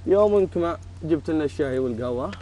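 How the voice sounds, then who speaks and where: A man's voice: fairly high pitch, expressive, very fast, dark tone, lightly acted. A man playing a grumbling, bossy elderly Bedouin grandfather with a Saudi Gulf Arabic accent, in improvised outdoor comedy. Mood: teasing, scolding. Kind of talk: improvised comic role-play. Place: outdoor garden seating area.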